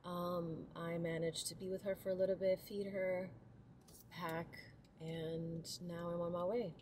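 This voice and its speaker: A young Portuguese woman, a dancer and vlogger, talks casually to her dashboard camera while driving, thinking aloud with fillers. Her voice is on the low side and darkish, level in tone, and a little slow. The car interior is noisy.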